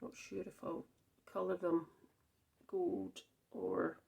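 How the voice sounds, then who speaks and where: Demonstrating card-making, a woman from Scotland speaks slowly and flatly in a fairly low, gravelly, slightly mellow voice, with a little hiss or hum in the background. She chats casually, thinking aloud with lots of ums and minor self-corrections.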